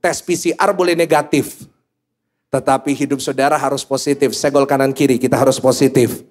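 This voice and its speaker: A man's voice: medium pitch, fairly quick, soft background music. A male pastor preaching a sermon to a congregation, joking and asking the listeners questions. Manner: jokey, animated, asks the congregation questions. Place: church service before a congregation.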